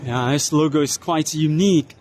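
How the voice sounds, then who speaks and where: A man casually narrating a walking tour of a trade expo, unhurried, spelling out brand names letter by letter as he walks. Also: fairly high pitch, a little mellow, a little hiss or hum. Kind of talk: casual walk-and-talk narration. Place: large indoor trade expo hall.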